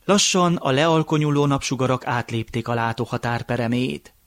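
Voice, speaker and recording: A man narrating a folk tale in a measured, unhurried way. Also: medium pitch, no echo. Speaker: storyteller.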